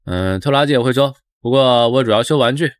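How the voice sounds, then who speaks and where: A man's voice: mid-range voice, brisk, no echo, clean studio sound, lightly acted. A man voicing a laid-back young mechanic with a casual, unbothered manner, the lead of a motion comic. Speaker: lead character.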